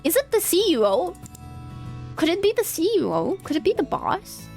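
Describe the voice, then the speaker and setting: A woman VTuber streams a visual novel playthrough at normal speed, reading the text aloud in a high voice. Her pitch swings widely, and she reacts with expressive drama. Faint music plays in the background.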